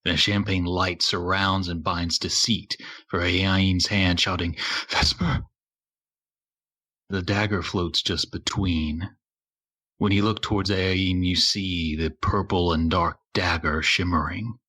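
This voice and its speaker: A man narrating a tabletop game as game master, in slow, measured descriptions. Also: sits low, fairly even intonation, sharp tone.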